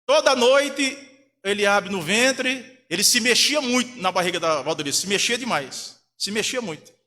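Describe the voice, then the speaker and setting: Man, pastor, sermon, high bright voice, church hall with long reverb. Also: animated, moderate pace. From Brazil. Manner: storytelling, acts out quoted voices.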